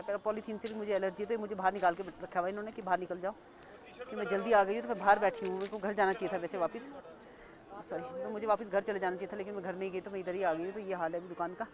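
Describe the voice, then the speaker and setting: Fast-talking Indian woman vlogging outdoors. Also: medium pitch, steady tone. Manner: chatty, repeats herself, points things out to viewers. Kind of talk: casual vlog narration. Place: outdoors in a busy market street. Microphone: phone camera without external mic. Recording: crowded outdoor street noise. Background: crowd and passing vehicles.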